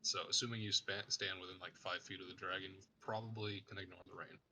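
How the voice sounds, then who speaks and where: A man's voice: low voice, little pitch movement, quick pace, pushed and bright. A man chatting casually as a player in a tabletop game. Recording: faint background noise.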